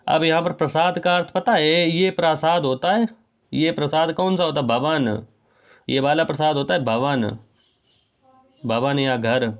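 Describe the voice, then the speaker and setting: A man's voice: a little high, a little slow, phone-quality sound. A man teaching Hindi grammar for an exam, going over sentences step by step and repeating key phrases to his students. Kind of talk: exam prep grammar lesson.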